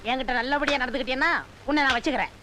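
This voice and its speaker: A man's voice: very high voice, fairly even intonation, rapid-fire. An actor playing a scheming male assistant who whines and boasts in a film comedy. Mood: sly. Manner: whining, sly, boastful. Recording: old film soundtrack with faint hiss.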